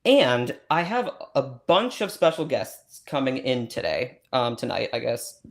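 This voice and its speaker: A man's voice: mid-range voice, expressive, measured pace, creaky. A man playing a scatterbrained, over-eager host of an awards-predictions livestream, who rambles and gushes with lots of ums and restarts.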